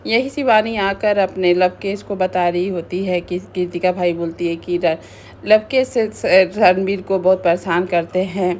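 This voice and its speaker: A woman's voice: fairly low pitch, steady tone, measured pace, darkish tone, a little hiss or hum. A woman casually recapping a reality show, retelling events in a chatty way with frequent restarts.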